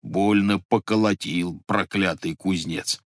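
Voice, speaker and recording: A man's voice: low voice, steady tone, slow pace, no echo, studio quality. A man voicing a sulky, sly old Cossack who mutters and grumbles to himself, in a storybook reading. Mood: grumbling.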